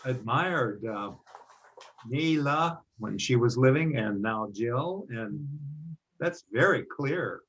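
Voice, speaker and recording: A man in a casual group discussion, speaking haltingly with fillers. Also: mid-range voice, lively intonation, a bit bright, breathy edge. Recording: muffled audio.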